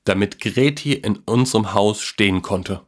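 Man voicing a playful old man, encouraging, teasing, fairly low voice. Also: measured pace, lightly acted. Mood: storytelling. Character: kindly playful old man, former circus worker.

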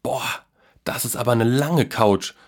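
A man voicing a curious, excited young boy who spells words out slowly. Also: medium pitch, voice pushed up. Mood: amazed.

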